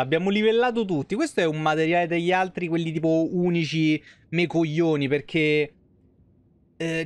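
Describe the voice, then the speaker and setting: Talking casually on a close mic, this game streamer is a man in his thirties whose fairly high-pitched voice carries no echo. He gives informal live commentary peppered with crude slang.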